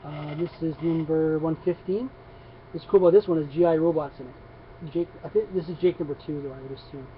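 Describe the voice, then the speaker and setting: A man's voice: fairly high pitch, fairly even intonation, a little fast. A man talking casually on camera about his comic book pickups, rambling with many restarts and fillers. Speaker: comics vlogger. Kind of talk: casual comic haul video. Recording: dull lo-fi sound with faint noise.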